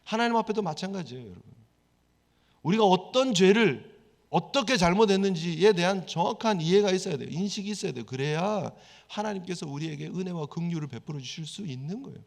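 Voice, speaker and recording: A man's voice: sits high, animated, fast talker, vocal fry. A man preaching a sermon as pastor, talking conversationally and asking rhetorical questions. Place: church sanctuary. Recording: long church hall reverb.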